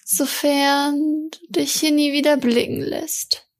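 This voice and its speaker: A woman's voice: high-pitched, little pitch movement, slow pace, pitched above the performer's own voice. A woman reading a gloating, cruel water god. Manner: gloating, cold.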